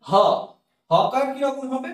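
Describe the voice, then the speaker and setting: A man teaching as a language teacher, patiently explaining and repeating each letter slowly. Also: extremely high pitch, lively intonation. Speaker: Sanskrit teacher. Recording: very echoey room, mic far off.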